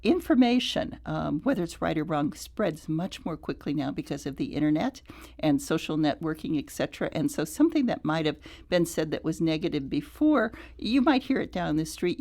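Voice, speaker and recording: A woman with a low voice speaks as a guest on a radio program. She is thoughtful and halting, circling back to restart her sentences. The studio sound is clean. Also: mellow. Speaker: nonprofit CEO, guest. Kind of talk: radio interview.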